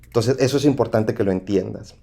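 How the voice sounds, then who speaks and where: A man with a Mexican accent teaching an engineering lesson over slides, often pausing with "¿sí?" to check understanding. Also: lowish voice, gravelly, mellow, husky. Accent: Mexican Spanish. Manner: repetitive, asks "¿sí?" to check understanding. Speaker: engineering instructor.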